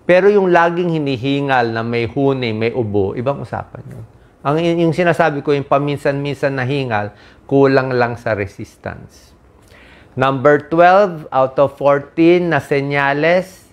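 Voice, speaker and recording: Older guy doctor talking health tips, calm reassuring, lots of "right?" asides, medium voice. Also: medium pitch. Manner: plain reassuring explanations, frequent "di ba?" asides. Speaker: doctor giving health advice. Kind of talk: casual health talk to viewers.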